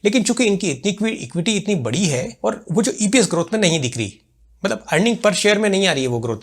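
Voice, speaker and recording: Higher-voiced man explaining stock markets. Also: very animated, fast. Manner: explanatory, uses everyday analogies; conversational, thinks aloud with fillers. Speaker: market analyst host. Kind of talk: weekly stock market analysis talk.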